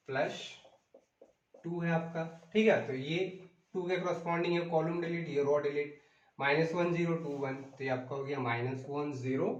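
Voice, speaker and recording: A man's voice: on the high side, reverberant, dull audio. A man teaching a math lesson, calling out sums, asking the class questions and mixing English into Hindi.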